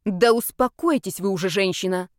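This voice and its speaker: A woman voicing a sharp-tongued, indignant young mother. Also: medium pitch, animated, a little fast, no room sound, clean studio sound, close to an everyday voice. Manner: indignant, scolding.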